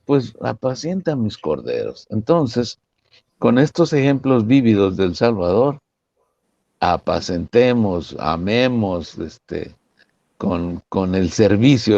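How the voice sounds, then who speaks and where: Un hombre con acento mexicano que comenta temas religiosos en una charla, contando anécdotas con muchas preguntas retóricas. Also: male voice, medium pitch, dry recording, dull audio. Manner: lively, lots of rhetorical "¿no?" and "¿verdad?". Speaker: church member commenting. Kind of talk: religious discussion, storytelling.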